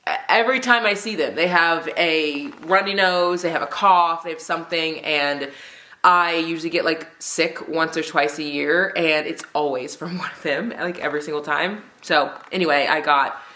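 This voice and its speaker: A woman book vlogger with a stuffy, congested nose chats casually and enthusiastically while reviewing books she's read. Her low voice is bright and forceful at a moderate pace, with roomy echo.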